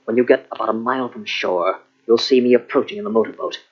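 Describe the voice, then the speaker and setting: Fast-talking, husky young schemer played by a man. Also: mid-range voice, faint music behind, close to an everyday voice. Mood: coaxing, scheming. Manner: persuasive, coaxing endearments. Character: scheming, smooth-talking young male fortune hunter. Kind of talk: 1940s radio acting. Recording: dull, lo-fi old radio cassette.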